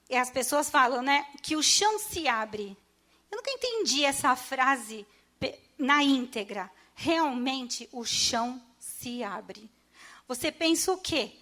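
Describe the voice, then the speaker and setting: A middle-aged woman from Brazil speaks in a fairly high voice as she gives her testimony to a church congregation. Her telling is emotional and halting, full of restarts and pauses as she relives the moments. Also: a bit bright. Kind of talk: personal testimony.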